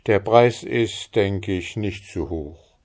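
A man's voice: lowish voice, takes it slowly, a little mellow. A man voicing a hearty, good-natured young farmer in a fairy-tale reading.

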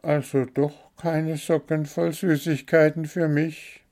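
Guy putting on a squeaky stubborn little blue bird, way up high, storybook style. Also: level tone, takes it slowly, darkish tone. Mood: insistent. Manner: high and insistent. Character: small chirpy blue bird, stubborn and cheeky.

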